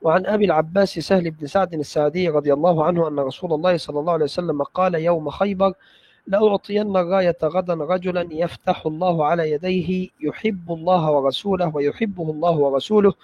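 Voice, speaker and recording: A man with a somewhat high voice reads classical religious texts aloud, steady and careful. The sound is dull and lo-fi, with a dry, close feel. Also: no room sound. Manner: measured, careful recitation with brief checks of the text. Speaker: student reading hadith texts aloud. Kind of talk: classical text recitation in a study session.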